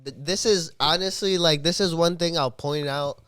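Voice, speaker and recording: A man's voice: fairly high pitch, moderate pace, a bit bright, clean tone. A slangy, appreciative podcast guest man. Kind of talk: casual chat.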